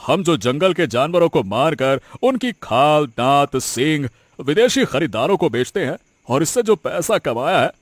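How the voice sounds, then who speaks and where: A man's voice: fairly high pitch, lively intonation, a little slow, no echo, clean studio sound. A man voicing a gloating village headman villain. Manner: gloating, laughs often. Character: greedy scheming village headman, poacher villain. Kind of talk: cartoon voice acting.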